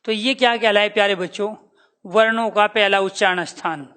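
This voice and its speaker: A man's voice: sits high, steady tone, normal speed, sharp tone. A man teaching a lesson to students, calling them dear children and drilling the sounds by repeating them. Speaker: Hindi teacher. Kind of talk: classroom lecture.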